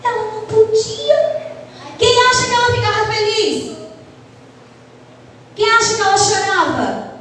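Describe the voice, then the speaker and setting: Woman children's teacher, high voice, unhurried storytelling, distant in a reverberant church hall. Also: slight background noise. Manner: asks the children questions, animated storytelling. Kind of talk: Bible story lesson for children. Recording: echoey church hall, far from mic.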